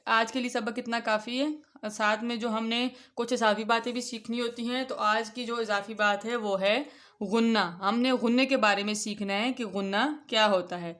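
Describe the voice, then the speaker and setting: A woman with a fairly high voice leads a children's Quran reading lesson. She explains each point patiently and draws out the letter names when she recites them. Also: steady tone, fairly bright tone. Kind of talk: instructional lesson.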